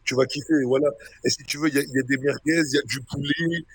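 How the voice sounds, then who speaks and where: A man's voice: medium pitch, steady tone, quick pace, breathy edge, dry recording. A young man streaming a role-play game, casually mocking and insulting another player in a taunting way. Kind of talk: casual trash talk on stream.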